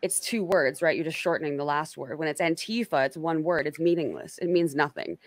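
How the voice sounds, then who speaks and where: Host, woman, lowish voice, dry close sound, chatty, filler-heavy. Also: fairly quick, dry recording. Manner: rambling, filler-heavy, self-correcting. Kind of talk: casual online interview chat.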